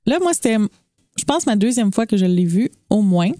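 A young woman with a Quebec French accent, a guest on a podcast, giving frank, deliberate opinions about a film. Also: medium pitch, sing-song, mellow, no echo. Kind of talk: casual podcast chat.

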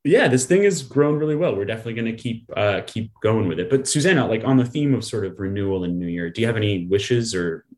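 An American man with a cold, chatting casually as a podcast co-host, his voice nasal and deeper than usual, with lots of fillers. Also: expressive, quick pace, few pauses, darkish tone. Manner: chatty, jokey, frequent fillers. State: congested from a cold.

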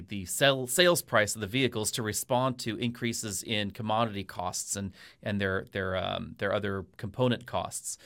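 A man with an average-pitched voice offers conversational commentary as an industry pundit. He explains at length, building one point onto the next as a podcast guest would. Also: a bit bright. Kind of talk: conversational analysis.

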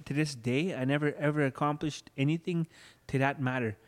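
A young man as an interview guest, giving an earnest personal testimony and going soft and low when moved. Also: fairly even intonation, brisk, long reverb tail. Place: room where he married.

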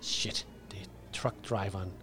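A man voicing a panicked young man who shouts and curses as zombies close in, over background music. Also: lowish voice, very animated. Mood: alarmed shouting. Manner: shouting and cursing in alarm.

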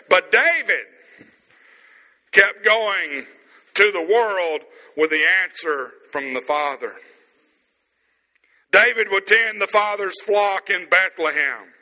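A man preaching a sermon as pastor, stressing words slowly with pauses, in an empty room. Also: sits high, bright, forceful tone, big-room sound, rough recording.

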